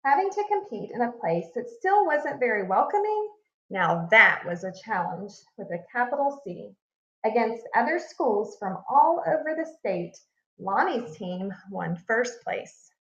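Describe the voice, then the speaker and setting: Here a teacher narrates a children's picture book aloud, her voice on the high side and her delivery expressive and deliberate, with emphasis on key words. The room echoes and the sound is slightly muffled.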